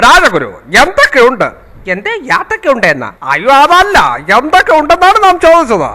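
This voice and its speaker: A man's voice: extremely high pitch, wildly swooping pitch, fairly quick, pushed and bright. A man playing a pompous, bumbling male king in a comedy skit, talking in an exaggerated, punning way. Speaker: comic performer playing a king.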